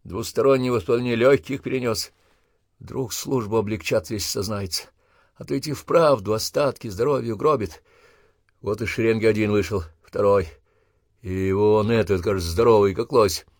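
A man reading a novel aloud as an audiobook narrator, in a steady, expressive way. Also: fairly low pitch, normal speed, no echo, clean studio sound. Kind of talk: scripted narration.

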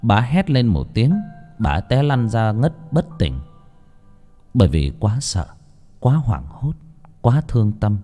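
A man narrating a dramatic audio story in an expressive storytelling manner. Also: on the low side, slow, pauses often, faint music behind.

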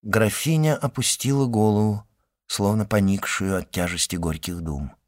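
A man narrating a classic novel as an audiobook in a measured, even reading. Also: on the low side, no room sound, studio quality. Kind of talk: scripted narration.

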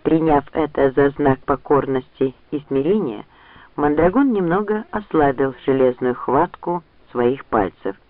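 Man, audiobook narration, expressive, slightly high voice, dry close sound. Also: measured pace, no echo. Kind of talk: scripted narration. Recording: dry, tinny phone-like sound.

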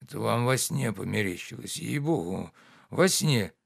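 A man's voice: lowish voice, lively intonation, moderate pace, gravelly, no room sound, studio quality, heavily acted. A man voicing a stubborn old male servant who nags and mutters. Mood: nagging. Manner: coaxing, nagging, muttering.

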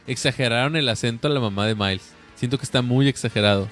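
A man's voice: mid-range voice, fast, a bit bright, soft background music. A man hosting a casual podcast, steering the talk and prodding the others to speak. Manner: moderating, friendly prodding. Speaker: podcast host. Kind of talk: casual chat.

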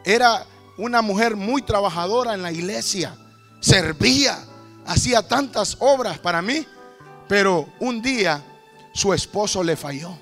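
A man voicing God in a sermon story, speaking slowly and solemnly. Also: high voice, expressive, a bit bright, soft background music, heavily acted. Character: God, calm and grave, explaining.

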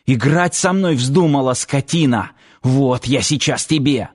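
A man's voice: medium pitch, a little slow, slightly rough. A man voicing a crude, menacing brute. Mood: vicious threatening. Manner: coaxing whispers turning to snarled threats. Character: rough, predatory grown man, menacing and crude.

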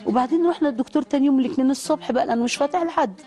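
A woman's voice: sits high, racing, mellow, faint music behind. A woman with an Egyptian accent telling a fervent, prayerful personal testimony. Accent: Egyptian Arabic. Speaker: guest giving testimony.

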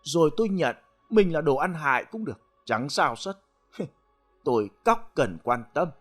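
Man playing surly slurring drunkard in a spoken ghost story; animated pitch swings. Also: normal speed, soft background music. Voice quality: slurred, whining. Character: drunk, slurring poor old husband.

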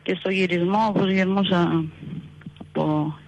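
A young woman calling in to a radio show, telling her story haltingly and retelling what people said. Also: fairly low pitch, fairly even intonation, creaky, a little mellow, poor audio. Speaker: caller. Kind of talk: telephone call to a radio show.

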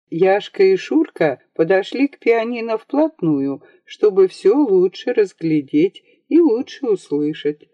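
Lively woman reading a novel. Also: mid-range voice, dry recording, lo-fi sound. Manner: expressive, lively storytelling. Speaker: audiobook narrator. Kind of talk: scripted narration of a novel.

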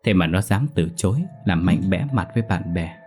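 Deep-voiced man narrating a horror story. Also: fairly quick, darkish tone, faint music behind.

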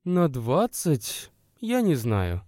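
Man doing a young woman, soft, coaxing, pleading, lilting higher voice, dry close sound, storybook reading. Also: big pitch swings, moderate pace, no room sound. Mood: apologetic. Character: young woman visitor, gentle, coaxing, tearful.

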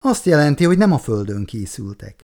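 A man voicing an excited male scientist who speaks in a raised, eager way. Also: mid-range voice. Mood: triumphant.

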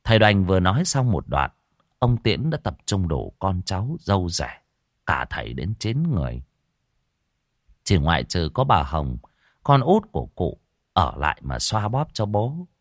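A man narrating a spoken story in a lively, colloquial, earthy way. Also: deep voice, measured pace, no echo, studio quality.

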